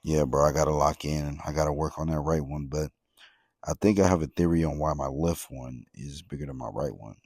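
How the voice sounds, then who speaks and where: A man with an extremely low voice talks like a laid-back gym bro. He gives slangy workout commentary in voice-over, close and dry on the mic. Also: steady tone, a little fast, a little mellow, breathy edge, no echo. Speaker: fitness vlogger.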